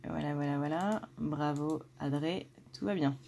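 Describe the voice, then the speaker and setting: A woman's voice: low voice, a little slow, gravelly, warm tone, a little hiss or hum. A woman with a blunt manner, talking casually with many fillers and restarts as she gives a tarot reading for her channel. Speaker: tarot reader.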